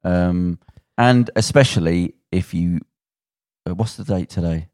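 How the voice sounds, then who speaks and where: A man's voice: low-pitched, measured pace, darkish tone, clear, resonant tone, no echo, clean studio sound. A man hosting a casual podcast chat, loose and laughing, often trailing off and restarting. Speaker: podcast host.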